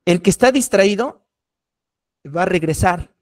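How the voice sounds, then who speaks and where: High-voiced pastor lecturing. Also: male voice, expressive, measured pace. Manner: earnest, repeats key warnings for emphasis. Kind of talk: preaching workshop lecture.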